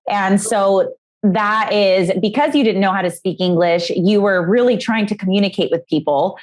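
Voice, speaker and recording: Upbeat young woman interviewing, full of fillers. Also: medium pitch. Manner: upbeat, halting, many fillers. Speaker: podcast co-host, interviewer. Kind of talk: casual interview talk.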